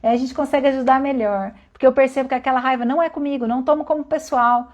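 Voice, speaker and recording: Brief: calm woman teacher, high voice, unhurried, asks her listeners questions as she explains. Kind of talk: reflective spoken lesson.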